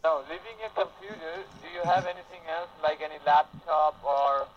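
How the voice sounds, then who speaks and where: A man on the other end of a phone call, pitching tech support and ending his phrases with a repeated "okay?". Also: moderate pace. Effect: heard over the phone. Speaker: caller posing as tech support. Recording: muffled phone line with faint hiss.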